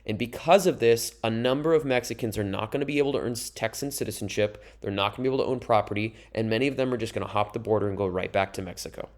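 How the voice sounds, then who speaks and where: A man's voice: lowish voice, fast talker, hardly any pauses. A young man teaching a history lesson over slides, explaining in a casual, conversational way with asides to his students. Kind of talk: recorded classroom lecture over slides.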